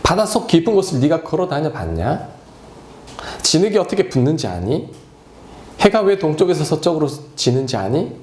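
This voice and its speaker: A man's voice: a little high, big pitch swings, a little mellow, roomy sound, a little hiss or hum, voice pushed up. A pastor voicing a stern almighty God who fires demanding questions at a man. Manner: demanding, rapid-fire rhetorical questions.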